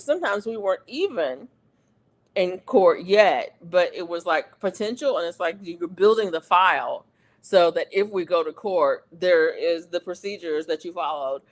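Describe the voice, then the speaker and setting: A livestream host chatting casually and rambling, with many restarts and fillers, who gets animated when venting. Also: medium pitch.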